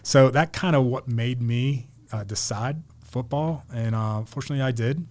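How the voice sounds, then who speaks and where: A man's voice: mid-range voice, moderate pace, darkish tone. A middle-aged man from Pennsylvania, a podcast guest telling long casual stories with lots of restarts and repeated words. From Pennsylvania, United States. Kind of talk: casual storytelling interview.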